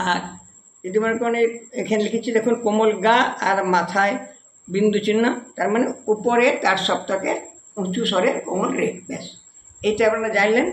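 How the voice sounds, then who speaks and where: A man's voice: high voice, slight background noise. A man teaching a devotional music lesson, explaining patiently and repeating points simply for viewers. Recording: echoey room.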